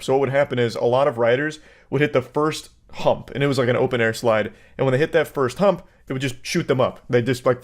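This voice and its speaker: Man doing sweary, mock-analytical comedic commentary. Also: mid-range voice. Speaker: commentary video host. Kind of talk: casual comedic commentary on a viral clip. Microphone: close desk microphone.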